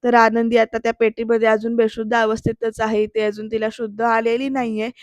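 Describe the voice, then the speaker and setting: Female recap narrator, high voice, level delivery, talks straight to viewers, dry booth. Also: little pitch movement, brisk, dry recording. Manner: chatty, addresses viewers directly. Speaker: serial review narrator. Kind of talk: casual voice-over recap.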